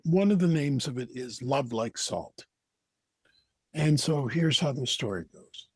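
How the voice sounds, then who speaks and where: A man with an American accent, telling a folktale as a storyteller, deliberate, with dramatic pauses. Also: mid-range voice, expressive, darkish tone, husky, no room sound, clean studio sound. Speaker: storyteller, co-host.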